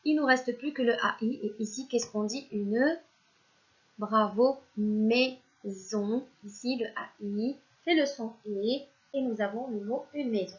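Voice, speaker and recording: A woman's voice: on the high side, measured pace, lo-fi sound. A woman teacher giving a recorded reading lesson to young children, sounding out syllables one by one and praising the pupils. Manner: speaks directly to the pupils as if they are present, praising them. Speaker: primary school teacher.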